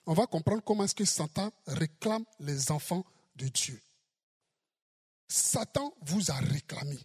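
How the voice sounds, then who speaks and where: A preacher giving a sermon, slow and emphatic, repeating key phrases for weight. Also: mid-range voice, slightly rough.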